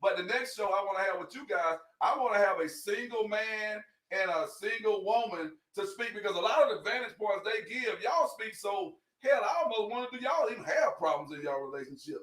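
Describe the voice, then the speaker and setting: A man hosting a podcast in casual, energetic talk-show chat, laughing often. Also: high voice, fairly quick, hardly any pauses. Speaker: podcast host. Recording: roomy sound, far from the mic.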